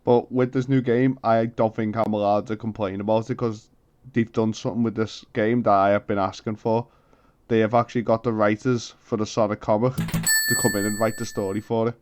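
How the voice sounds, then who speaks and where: Lad chatting about games, laid back, laughs a lot. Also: male voice, fairly low pitch, level tone, fairly quick. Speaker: podcast co-host. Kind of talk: casual chat.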